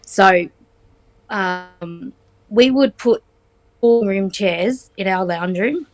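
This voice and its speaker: An Australian woman in her forties, chatting as a guest in a casual interview, filling pauses with ums and teasing lightly. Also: mid-range voice. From Australia, Central West New South Wales. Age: 40s.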